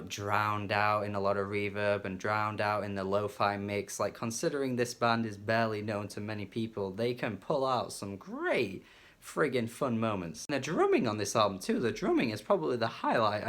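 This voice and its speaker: A man's voice: on the low side, a bit bright. A man casually reviewing a rock album, enthusiastic and chatty, with fillers and some swearing. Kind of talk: casual music review monologue.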